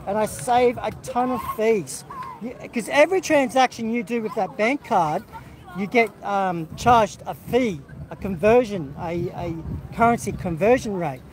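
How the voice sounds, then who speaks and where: A high-pitched, slightly slow male voice on a low-quality recording: a middle-aged Australian man casually livestreaming from an outdoor football carnival. He rambles through greetings to viewers, full of fillers and restarts, with crowd noise behind him.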